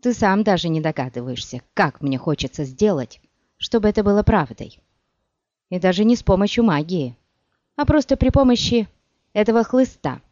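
A woman voicing a proud, scornful sorceress who speaks in a sharp, biting, mocking way, in an audiobook. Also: fairly low pitch, sing-song, unhurried, no room sound. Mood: furious. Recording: dull dry recording.

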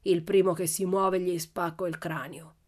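A woman voicing a brutish, bullying man who shouts and growls threats, in a radio story reading. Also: on the low side, flat delivery, normal speed, lightly acted. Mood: growling, threatening.

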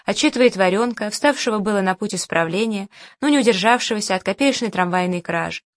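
A woman narrating an audiobook in a measured, even reading voice. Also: medium pitch, no echo, clean studio sound. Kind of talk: scripted narration.

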